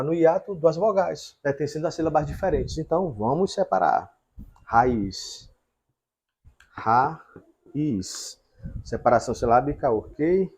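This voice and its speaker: Husky guy teaching at a whiteboard, walks through it step by step, keeps checking if you got it. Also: fairly high pitch, a little mellow. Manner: explains step by step with frequent check-ins. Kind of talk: whiteboard grammar lesson.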